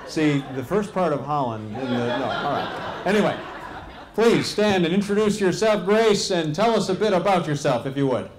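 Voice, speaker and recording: A man's voice: on the high side, expressive, moderate pace, background noise. A middle-aged American man with a genial, joking manner, informally introducing people as host of a live event on a handheld microphone. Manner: jokey, genial. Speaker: mayor acting as event host. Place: event tent with seated audience. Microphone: handheld stage microphone. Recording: echoey event tent, audience murmur.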